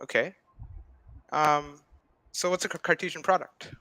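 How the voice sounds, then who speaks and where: A man's voice: a little high, fairly even intonation, measured pace, pushed and bright, no echo, low-quality recording. A young man, a math student, casually explaining ideas over a video call, full of hedging fillers and checking in with "right?". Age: young adult. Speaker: guest speaker, math student. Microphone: video call mic.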